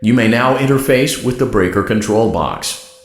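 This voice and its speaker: An actor playing a polite artificial guide in a video game, giving formal scripted instructions. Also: male voice, medium pitch, moderate pace, lightly acted. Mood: polite, instructional. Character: cheery, artificial male robot guide assistant. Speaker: automated guide. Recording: roomy echo.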